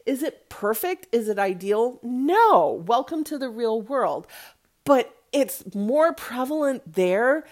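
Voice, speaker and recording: Speaking slowly, a woman with a slightly high, somewhat dark voice and lively intonation reviews movies on her podcast. She's opinionated, chatty and emphatic in this casual monologue, often throwing in "right?" or "okay?" to check in with the listener.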